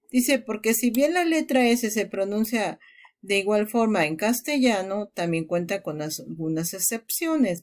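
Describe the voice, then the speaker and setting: A woman's voice: mid-range voice, a little mellow. A woman language teacher giving a recorded lesson, explaining step by step and repeating each example word. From Mexico.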